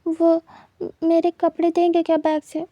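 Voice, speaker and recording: A woman's voice: very high-pitched, monotone, a little slow, mellow, no echo, highs cut off. A woman doing a bashful, demanding young man. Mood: petulant. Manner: bashful, giggly, petulant requests. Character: shy, teasing young man, sleepy and demanding.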